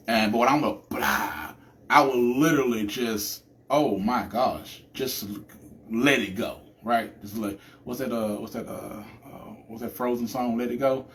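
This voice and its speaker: A man hosting a live podcast, talking through a chatty, animated monologue with a preacher-like cadence and lots of restarts. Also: mid-range voice, a little hiss or hum. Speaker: podcast host.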